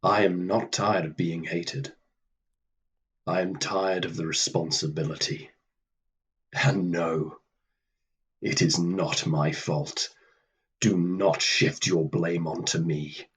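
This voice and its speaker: A man acting in a radio play as Death, a stern, weary immortal who speaks formally and coldly with a husky voice. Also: sits low, fairly even intonation, a bit bright, full character voice. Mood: stern, accusing. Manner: deliberate, formal, cold, dismissive.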